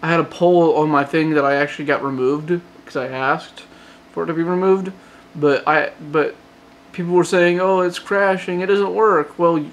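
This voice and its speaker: Late at night, a man with a mild Southern accent from Georgia talks through a casual vlog update, rambling with frequent restarts and fillers. He's a hobbyist phone modder whose high voice stays steady at a normal speed with few pauses.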